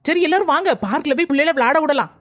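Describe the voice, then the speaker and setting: Woman putting on a lower, mild-voiced Jothi. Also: animated, rapid-fire, very noisy. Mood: easygoing. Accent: Kanyakumari Tamil. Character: calm adult woman Jothi, easygoing.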